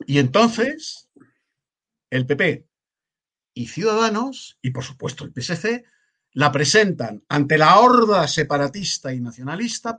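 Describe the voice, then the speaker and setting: A man's voice: a little high, a bit bright. A man with a Spanish accent from Spain, delivering impassioned political opinion commentary, emphatic and rhetorical, repeating phrases for effect.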